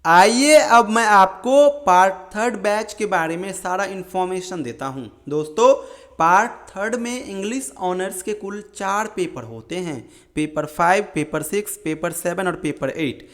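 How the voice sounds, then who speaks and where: A young man teaching students about an exam's marking pattern, calling them friends and reading out lists of terms slowly. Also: high voice, lively intonation, fairly bright tone. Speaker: exam-prep teacher. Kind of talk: explaining an exam pattern to students.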